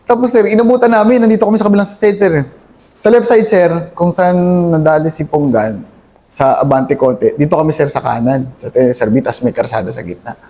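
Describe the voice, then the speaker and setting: A young man, a Filipino soldier, recounts a battle in a halting interview, calling his listener sir at nearly every pause. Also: a little high, dark tone. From Philippines. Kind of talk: conversational war story interview.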